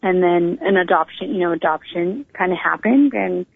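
A middle-aged Northern California woman recounts her life story over the phone as a guest in a laid-back interview, chatting informally. Her creaky voice is fairly low-pitched and moves at a normal speed. The phone line sounds narrow and tinny, with no room sound.

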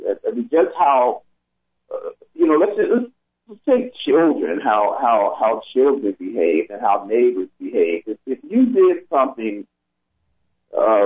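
A man's voice: mid-range voice, breathy edge. A middle-aged man, a therapist on a talk broadcast, speaking hesitantly and often repeating his words. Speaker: therapist guest. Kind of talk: casual conversation. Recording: tinny phone line.

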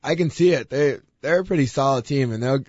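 A young man of medium pitch chats casually as a radio co-host. He is agreeable and a bit hesitant, keeping his replies short. The audio is dry and slightly muffled. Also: a little fast, a little mellow, husky, no echo. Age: young adult. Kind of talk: casual sports chat. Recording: dull, band-limited radio audio.

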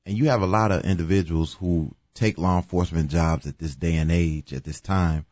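Deep-voiced man arguing on a talk show. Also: fairly quick, no echo, muffled recording. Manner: animated, emphatic, sarcastic asides. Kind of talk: casual opinion chat.

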